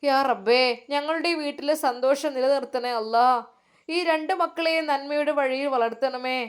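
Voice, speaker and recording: A woman voicing a warm, devout elderly mother who speaks tenderly and coaxingly. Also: high-pitched, moderate pace, lightly acted.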